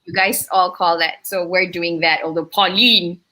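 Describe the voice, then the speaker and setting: Bright-voiced Malaysian woman chatting. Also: fairly low pitch, fairly even intonation, moderate pace. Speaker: panel guest, business coach. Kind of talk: casual chat.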